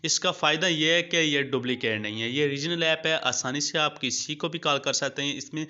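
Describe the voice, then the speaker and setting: Narrating a screen walkthrough for his YouTube app tutorial, this man sounds a little high, sharp and fairly quick. His style is laid-back and chummy, treating viewers as pals and going over points more than once. The recording is dull and lo-fi.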